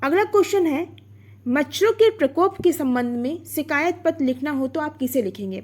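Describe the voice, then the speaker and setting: A woman's voice: sits high, expressive, moderate pace, a little mellow. A woman teaching an online exam-prep grammar lesson, explaining step by step, asking her own questions and answering them, sounding out vowels and syllables.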